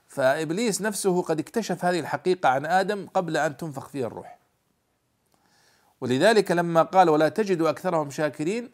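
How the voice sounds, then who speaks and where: A male scholar explaining a Quran commentary in a classroom lesson, stressing quoted words and slowing down to spell out readings. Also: a little high, expressive.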